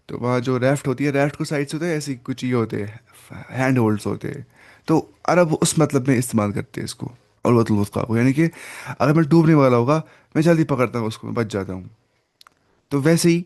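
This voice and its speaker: Man, Quran teacher, explanatory lesson, self-questioning, mixes in English words, slow recitation. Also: medium pitch, darkish tone. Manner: explains word meanings, asks and answers his own questions; recites Arabic phrases slowly.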